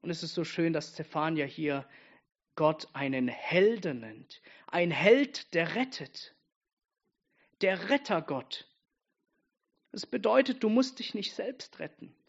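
A man preaching an earnest Advent-style sermon, dropping soft and intimate, then rising to emphatic. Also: on the high side, lively intonation, slow pace, long pauses, breathy edge, lo-fi sound.

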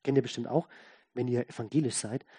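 In this sermon, the pastor's mid-range voice is slightly rough and a little fast, with a steady tone. His delivery is folksy and conversational, repeating and stressing key words while swinging from loud emphasis to soft asides.

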